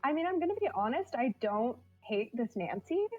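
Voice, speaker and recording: A woman chats casually while playing a game on stream. Her voice is fairly high, on a slightly dull, lo-fi mic with faint music behind. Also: sing-song, moderate pace, no echo. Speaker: game player and commentator on a marathon stream. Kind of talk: casual livestream chat.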